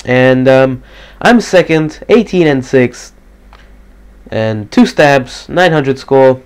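A man giving casual live gameplay commentary, slightly depressed and monotone, swearing casually. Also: mid-range voice, slow pace, clear, resonant tone. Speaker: gaming commentator.

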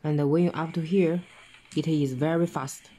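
A man giving a hands-on tutorial, explaining each step in halting, simple phrasing as he demonstrates a device. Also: on the high side, steady tone, warm tone. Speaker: product demonstrator.

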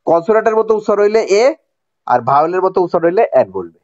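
A man's voice: sits high, lively intonation, very fast, darkish tone, no room sound. A man with a Bangladeshi accent teaching a grammar lesson, repeating each point and asking if students understand. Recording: dry, dull lo-fi recording.

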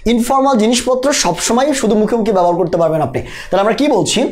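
A teacher giving a live online spoken-English lesson. The teacher keeps quizzing the class and repeats each example slowly. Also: mid-range voice.

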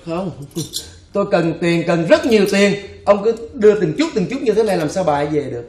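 An actor playing a clever male slave in a comic stage play, calm and firm when bargaining. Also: high-pitched, brisk. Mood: insistent. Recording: echoey stage.

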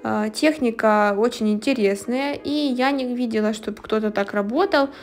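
A woman's voice: a little high, moderate pace, soft background music. A woman nail technician telling stories in a casual, chatty, lightly amused voice-over. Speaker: nail technician narrating a manicure video.

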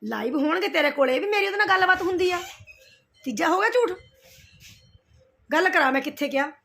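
Fast scolding woman. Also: very high-pitched, animated, pushed and bright. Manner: scolding, confrontational, repeats herself. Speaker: vlogger replying to roasters. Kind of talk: heated direct-to-camera rant.

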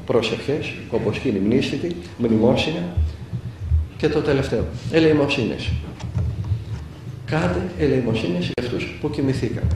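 A man's voice: mid-range voice, background noise. A man preaching as a monk elder, telling stories and acting out the dialogue with a rising and falling voice. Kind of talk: sermon with storytelling. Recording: echoey room heard from a distance.

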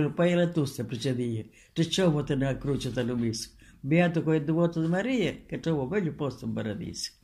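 Sicilian man reciting devotional verse, higher-pitched.

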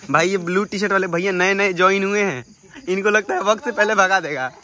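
A man's voice: high voice, brisk, bright, forceful tone. A young man, vlogging casually to camera and teasing his siblings. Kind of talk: casual vlog narration.

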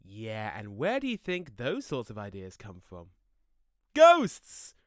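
In a studio-quality audio play with no echo, a man performs a full character voice as a chatty, jokey young ghost, a laid-back slacker. His fairly low voice swoops wildly in pitch at a slow pace, rambling in casual slang with a chatty, wistful mood.

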